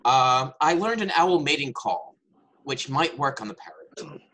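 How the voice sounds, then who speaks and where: A man's voice: mid-range voice, expressive, measured pace, pushed and bright, slight background noise, rough recording. A man voicing an earnest hippo with an idea. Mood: hopeful. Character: male hippo with a plan.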